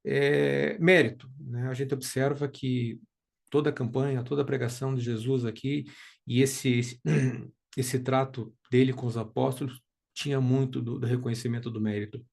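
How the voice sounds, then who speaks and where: A man's voice: mid-range voice, level tone, normal speed, gravelly, darkish tone. A Brazilian man giving an informal spoken lesson, hesitant, with many fillers and restarts. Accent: Brazilian Portuguese. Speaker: study group teacher.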